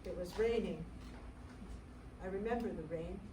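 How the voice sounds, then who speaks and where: An actress in a staged theatre reading playing a devoted American single mother recalling her adopted daughter, in a tender, measured monologue. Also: medium pitch, close to an everyday voice. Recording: roomy stage sound from far off, faint noise.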